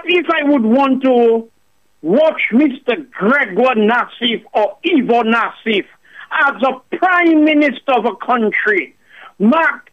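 A man calling in to a radio show, preaching and firing off rhetorical questions. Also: extremely high pitch. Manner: preachy, repeats the host's name, rhetorical questions. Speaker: caller. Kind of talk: impassioned call-in rant. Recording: muffled phone line.

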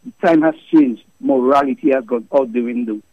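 A man's voice: mid-range voice, a little fast, no room sound. A man leaving a recorded voice message for a radio show, delivering a rambling, preachy religious monologue with fervent emphasis. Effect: recorded voice message played on air. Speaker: listener sending a voice note to a radio show. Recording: dull lo-fi dry voice memo.

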